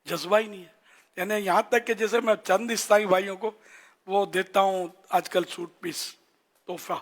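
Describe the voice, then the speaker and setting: An older man with a Pakistani Urdu accent, giving a religious talk to an audience in a conversational teaching manner, slowly demonstrating phrases. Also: sits high, fairly even intonation, a bit bright. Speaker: religious scholar.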